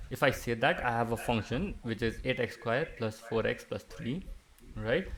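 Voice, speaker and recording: A young man leads an online maths lesson, his mid-pitched voice carrying a gravelly edge. He explains step by step and keeps pausing to check that everyone is following. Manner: patient, explanatory, checks in with students often. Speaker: maths teacher. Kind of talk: online class lecture.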